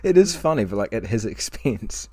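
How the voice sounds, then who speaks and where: A man's voice: on the low side, sing-song, moderate pace, a crowd in the background. A man co-hosting a podcast in casual chat, cursing freely and laughing often as he mocks. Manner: profane, giggly, mocking. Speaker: podcast co-host.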